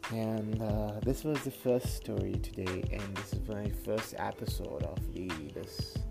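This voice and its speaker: A man in his late twenties with a Kashmiri accent, talking casually and haltingly as a podcast host, often repeating words, recorded on a phone. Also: lowish voice, steady tone, creaky, over loud music. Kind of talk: casual personal monologue.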